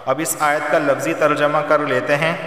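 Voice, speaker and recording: A man with a somewhat high, bright, forceful voice, chanting verses slowly and melodically before explaining each recitation rule plainly. He sounds set back from the microphone, in a very echoey space with a long trailing reverb. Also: flat delivery. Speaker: Quran teacher. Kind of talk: Quran recitation and tajweed lesson. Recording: roomy echo, long reverb, distant mic.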